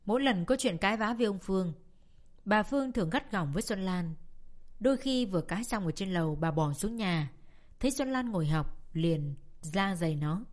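A woman reading a family drama aloud as an audiobook narrator. Her storytelling is steady and expressive, at a middle pitch for a woman. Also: normal speed.

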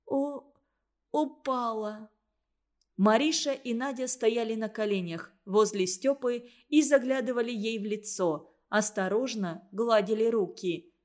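A woman narrates a children's story for an audiobook. Her reading is expressive and vivid. Her voice sits slightly high. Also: moderate pace.

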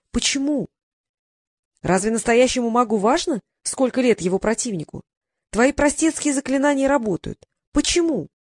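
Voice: sits high, no room sound, clean studio sound, pitched above the performer's own voice. A reader doing a snide young apprentice mage. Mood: lecturing. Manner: mocking, lecturing, sarcastic.

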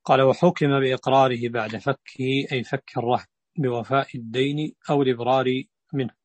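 A male student reads a classical legal text aloud in a measured, formal cadence. The recording is dry and close, with no room sound. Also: medium pitch, steady tone, no echo.

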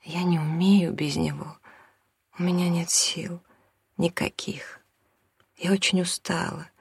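A numb, exhausted mother left by her husband, speaking in a faint half-whisper, as the reader puts her on. The voice is soft and gravelly, and the close, dry reading leaves little room sound. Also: medium pitch, steady tone, normal speed, no room sound. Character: worn-out abandoned wife and mother, numb. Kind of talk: audiobook character reading.

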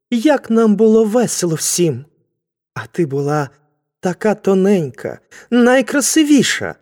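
Lady doing a nervy young guy, talks slow, kinda whiny and pleading, voice jumps around a lot. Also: medium pitch, a little mellow. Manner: hesitant, wheedling. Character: anxious pleading young man.

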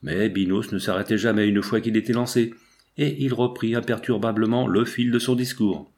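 Low-voiced male narrator, measured and steady, for a novel read aloud. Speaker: audiobook narrator.

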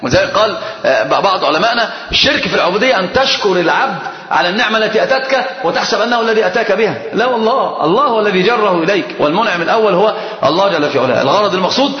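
A man's voice: high voice, lively intonation, very fast. A male scholar teaching a religious class, telling stories with animation and quizzing his students. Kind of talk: religious lesson with storytelling. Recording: echoey hall, dull lo-fi sound.

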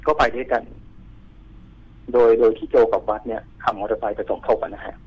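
A man telling a ghost story in a casual, rambling way, repeating words and filling gaps with fillers, and acting out the shouts of the people in it. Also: on the low side, steady tone, a little fast, breathy edge, phone-quality sound. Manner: acts out the quoted shouts.

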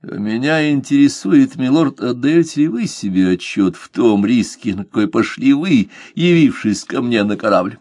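A man's voice: medium pitch, moderate pace, hardly any pauses, dry recording, clean studio sound, pitched above the performer's own voice, lightly acted. A man voicing a composed, courteous pirate captain who speaks with cool irony. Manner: calm, courteous, mocking. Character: calm, ironic pirate captain, male adult.

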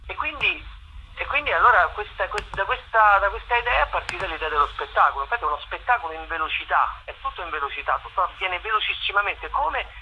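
Animated and fast, the actor-playwright's high, bright voice hits forcefully as he explains his show on the radio, repeatedly echoing the starts of his phrases. The recording is muffled, with slight background noise.

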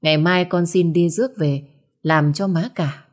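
Woman doing a meek slow-spoken young woman. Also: fairly low pitch. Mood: deferential. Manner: slow, deferential.

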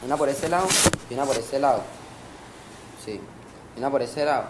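Being interviewed against a noisy background, this Colombian man in his early twenties spins a meandering street tale loaded with slang and sound effects. He has a mid-range voice and keeps a moderate pace.

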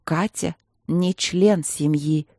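A woman voicing a cold, contemptuous younger sister who speaks heavily and measured. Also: medium pitch, dark tone, no room sound, studio quality, lightly acted.

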